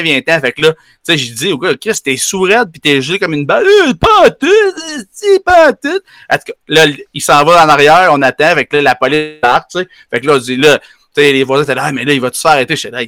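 A man with a Quebec French accent telling a story in casual chat, animated and slangy with lots of fillers. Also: mid-range voice, no room sound, clean studio sound. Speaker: podcast co-host telling a story.

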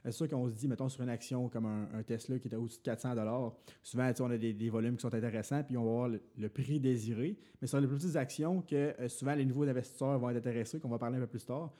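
Young Quebec French male podcast co-host, warm low timbre, rambling casual explainer full of fillers. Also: fairly even intonation, fast talker, few pauses. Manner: explains at length with many fillers and restarts. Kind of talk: casual finance podcast talk.

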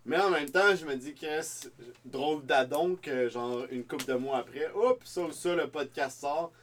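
A man's voice: fairly high pitch, a little slow, fairly bright tone. A man with a Quebec French accent, co-hosting a podcast in casual chat, opinionated and swearing freely. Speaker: podcast co-host. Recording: distant mic with faint noise.

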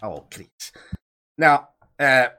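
A man's voice: mid-range voice, very animated, drawn-out words, sharp tone, clear, resonant tone. A man with a Quebec French accent who rambles, stammers and jokes as a comic weather presenter. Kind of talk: improvised comedy sketch.

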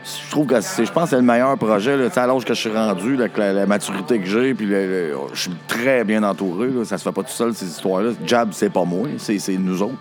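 A man with a low, gravelly voice and a Quebec French accent talks casually as a singer being interviewed. He tells joking stories in a husky tone, with faint music behind him. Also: quick pace, hardly any pauses. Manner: joking, anecdotal storytelling. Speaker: guest, singer in a band. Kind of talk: casual chat.

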